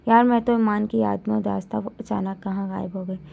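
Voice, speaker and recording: Gravelly woman telling an emotional story. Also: mid-range voice, steady tone, brisk, dark tone, slight background noise. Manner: first-person telling, heartfelt.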